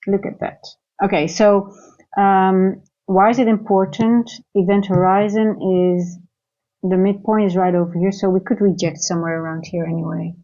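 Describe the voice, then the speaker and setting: A woman's voice: mid-range voice, little pitch movement, moderate pace, dark tone, muffled recording. A woman who grew up in Singapore, hosting a live trading stream and thinking aloud as she goes, with many fillers and restarts. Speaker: trading livestream host. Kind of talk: live market commentary and viewer chat.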